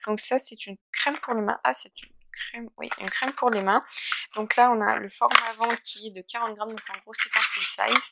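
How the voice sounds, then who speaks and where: A woman's voice: on the high side, steady tone, moderate pace, gravelly, very noisy. A young woman chatting casually through a beauty box unboxing, full of hesitations and fillers. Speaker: beauty vlogger.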